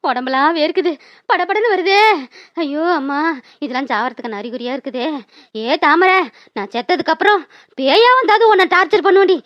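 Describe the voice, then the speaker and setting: A woman's voice: very high-pitched, lively intonation, brisk, dry recording, dull audio. A woman voicing a dramatic middle-aged village woman who wails and sobs that she has been poisoned, in a cartoon. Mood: sobbing lament. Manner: wailing, sobbing lament. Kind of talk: cartoon voice acting.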